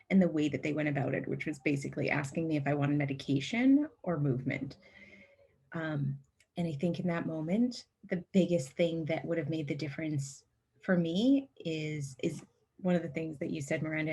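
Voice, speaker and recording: A woman with a very low voice and a husky grain, speaking as a patient guest. She answers reflectively and pauses often with "um" as she gathers her thoughts. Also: a little mellow.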